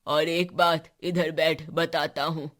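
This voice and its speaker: A woman voicing an elderly grandfather, a former soldier, who talks slowly and fondly in a cartoon story. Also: low voice, level tone. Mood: nostalgic. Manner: slow, fond, scolding then gentle.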